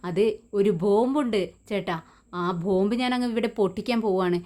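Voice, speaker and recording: A woman reading the part of an agitated young woman who stirs up trouble, in a sharp, accusing tone. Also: medium pitch, moderate pace, close to an everyday voice.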